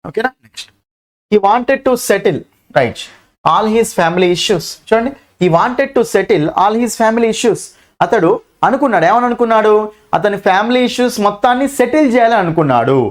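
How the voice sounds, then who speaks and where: A man with a Telugu accent teaching an exam-prep English grammar lesson, checking often with his listeners and reading each question out slowly. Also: high voice, lively intonation.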